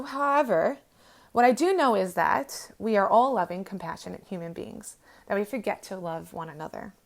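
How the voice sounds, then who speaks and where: A young woman hosting a heartfelt motivational monologue, earnest and gentle, with many ums and restarts, close to tears. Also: medium pitch, gravelly. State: emotional, near tears. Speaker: host.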